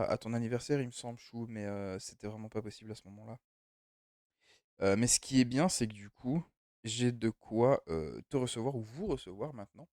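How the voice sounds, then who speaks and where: A man's voice: mid-range voice, darkish tone, dry recording, clean studio sound. A young man streaming a game from home, chatting loosely and rambling as he answers his chat. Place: home room.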